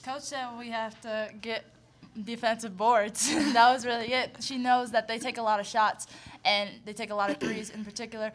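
A young woman, a college basketball player, giving short, soft-spoken answers with fillers at a press conference. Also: on the high side, steady tone, normal speed, a little hiss or hum. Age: young adult. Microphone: table mic on stand.

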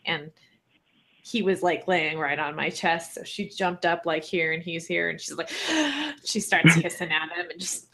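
A woman's voice: lowish voice, expressive, measured pace, a bit bright. A woman in a casual chat who laughs often and swears casually while telling stories. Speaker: co-host of a group chat.

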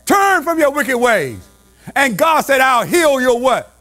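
Male pastor, very high voice with wide swings, call-and-response sermon, shouting in a sing-song preaching cadence. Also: very animated, unhurried.

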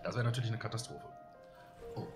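In a windowed studio room with faint music behind him, a man hosts a live stream, rambling casually to viewers with plenty of fillers. His voice is lowish, expressive, and fast.

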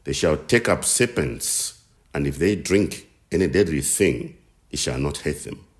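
Very deep, slow-paced male narrator. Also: animated. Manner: slow, measured reading with scripture citations. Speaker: narrator of Bible teaching series. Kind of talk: scripted narration over slides. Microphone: voice-over.

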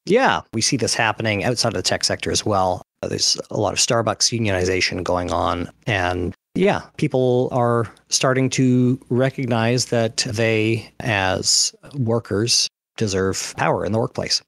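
A man hosting a podcast panel, reading out news summaries in a measured way between casual chat. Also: lowish voice, gravelly, fairly bright tone, dry recording, studio quality.

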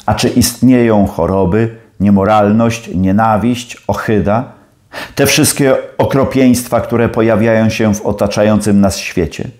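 A man's voice: fairly low pitch, fairly even intonation, a little slow, a little mellow, natural voice. A man playing a stern older professor who presses his questions in a challenging, probing way.

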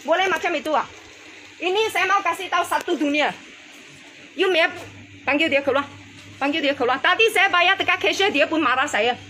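A woman's voice: very high voice, moderate pace, long pauses, pushed and bright, slight background noise. An older woman, a customer confronting store staff as she films on her phone, repeating pointed questions. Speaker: customer filming a complaint. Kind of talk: heated confrontation. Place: small convenience store, indoors.

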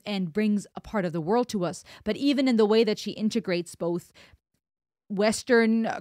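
Her voice is medium-pitched with a darkish tone, recorded dry and clean in a small indoor home studio through a close studio broadcast mic on a boom arm as she wears headphones. She's a thoughtful German music reaction host, a native German speaker, giving an analytical song reaction with emphasis and explanatory hand gestures.

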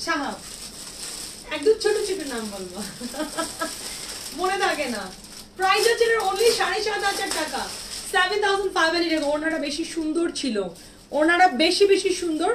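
A woman's voice: high voice, fairly bright tone, a little hiss or hum. A woman hosting a live clothing sale, chatting casually and answering viewer comments while showing dresses. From Bangladesh. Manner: chatty, reads out and answers viewer comments, mixes in English words. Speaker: online boutique seller hosting a live sale. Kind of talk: live-stream sales chat.

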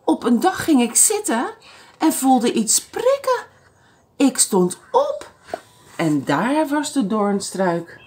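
A woman voicing an emotional old lady who loves her thornbush, speaking in a high, exclaiming voice in a storybook reading. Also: wildly swooping pitch, takes it slowly, a little mellow, slight background noise, full character voice. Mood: tearful.

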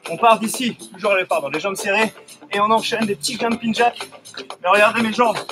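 A middle-aged man coaching a cardio workout with energetic, urging short commands while exerting himself. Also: high voice, brisk. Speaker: fitness coach leading a workout. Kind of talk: live home cardio workout instruction. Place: outdoors in front of a house. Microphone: camera a few metres away. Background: workout music.

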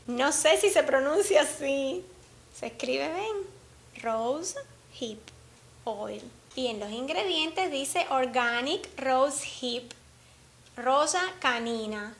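A high-pitched woman talks straight to her camera in a relaxed beauty vlog. She is chatty and warm toward her viewers, often breaking into small laughs and sprinkling her speech with little diminutives. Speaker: beauty vlogger. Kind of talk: casual beauty vlog chat.

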